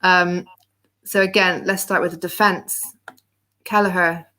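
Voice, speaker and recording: A woman's voice: lowish voice, flat delivery, measured pace, pushed and bright. A woman hosting a casual football discussion panel, chatty, with frequent ums and restarts. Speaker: panel host.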